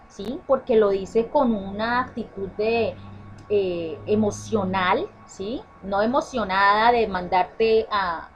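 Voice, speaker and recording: A woman's voice: fairly high pitch, a little hiss or hum, rough recording. A woman teacher explaining a grammar lesson to children, often checking in with "¿sí?" and correcting herself as she goes. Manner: self-correcting restarts. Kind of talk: online class explanation.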